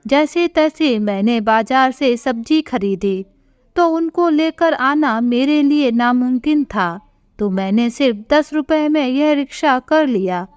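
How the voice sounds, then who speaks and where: A woman voicing a gentle, soft-hearted elderly mother-in-law who pleads softly in a spoken story. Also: high-pitched, takes it slowly, clean tone, no room sound. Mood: pleading.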